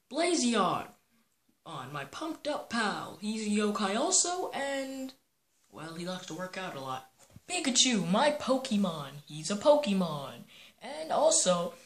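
A woman's voice: mid-range voice, big pitch swings, moderate pace, slight background noise, lightly acted. A woman doing a jumpy boyish team leader. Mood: eager. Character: boyish young male hero leading a team.

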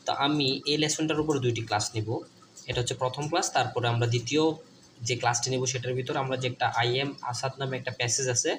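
A man with an ordinary mid-range voice explains a lesson patiently, spelling out words one letter at a time. He slows down to sound out each syllable and repeats key points often. A faint hiss sits under the recording. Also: medium pitch, a bit bright. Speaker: teacher.

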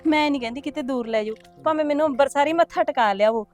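A woman's voice: high-pitched, quick pace, soft background music, natural voice. A young woman with a Punjabi accent playing a newly married wife who coaxes and complains to her husband. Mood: coaxing. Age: young adult. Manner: soft, coaxing, complaining. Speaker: actor in a short film. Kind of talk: village short-film acting.

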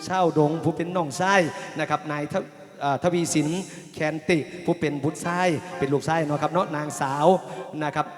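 A high-pitched man with an Isan accent performs as a mor lam singer and emcee at a night merit-making event. He stretches out sung verses and switches to formal announcing. His voice rings through a stage microphone with a long reverb tail, and loud band music plays underneath. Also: fairly even intonation, fairly quick. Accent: Isan (northeastern Thai). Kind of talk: live mor lam singing and donor announcements.

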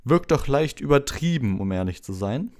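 A man voicing a vain, pompous adult wizard teacher who booms condescendingly in an audiobook reading. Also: expressive, moderate pace, darkish tone, natural voice. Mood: patronizing. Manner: booming, condescending, self-satisfied.

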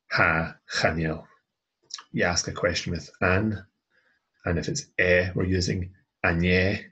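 A man explaining grammar step by step as a language tutor, patient and methodical, with frequent pauses and restarts. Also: sits low, a bit bright, husky. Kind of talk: explaining grammar over slides.

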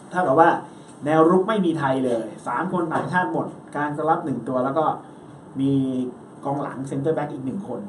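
A man hosting a football talk show, chatting casually and quickly, with lots of polite particles. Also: fairly high pitch, a little hiss or hum. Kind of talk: casual sports chat. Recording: roomy echo, distant mic, faint ambience.

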